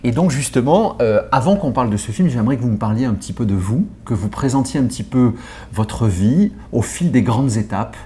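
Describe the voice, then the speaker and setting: A man interviewing a guest, asking questions in a polite, formal, steady way. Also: medium pitch, a little fast.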